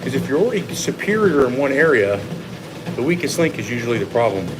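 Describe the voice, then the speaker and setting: Here a fitness coach runs a live Q&A, talking fast in a mid-range voice as he walks on a treadmill. He casually explains things and gives viewers his opinions. Behind his clear voice there's a constant treadmill or machine hum.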